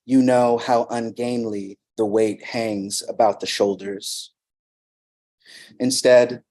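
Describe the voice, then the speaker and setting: A man reading his own poems aloud at a reading event, measured and soft at the line ends. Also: medium pitch. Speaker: poet reading his work. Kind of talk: poetry reading. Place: arts center reading event.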